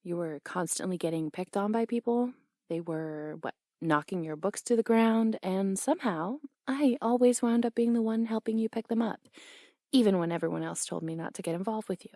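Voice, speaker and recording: A young woman voicing a brash, teasing tomboy boxing coach in an audio role-play, blunt and quick to laugh. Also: mid-range voice, warm tone, no room sound, studio quality, natural voice.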